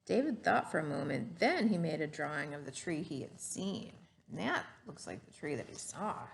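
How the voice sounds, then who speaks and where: Here a woman with a low, sing-song voice and vocal fry reads a children's story at normal speed, teacher-style. She explains things and quizzes the listener along the way, and a little hiss or hum runs under the recording.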